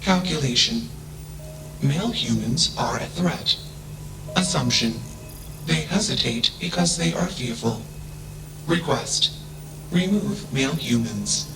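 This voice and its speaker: Casting: emotionless robot, slow and deliberate, flat emotionless delivery. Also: male voice, medium pitch, vocal fry, noisy background. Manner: flat emotionless delivery, announcing each statement type. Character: emotionless damaged male robot speaking in labeled statements. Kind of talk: video game voice acting. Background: game music.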